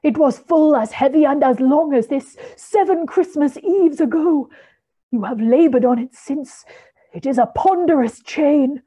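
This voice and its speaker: A woman's voice: high-pitched, measured pace, warm tone, voice pushed up. A woman voicing the anguished ghost of an old businessman, weighed down by chains, wailing and drawing out her words.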